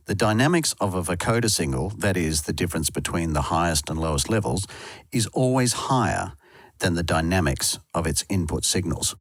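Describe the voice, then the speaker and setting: A man narrates a scripted tutorial in a low voice, recorded as a close, dry voice-over with no echo.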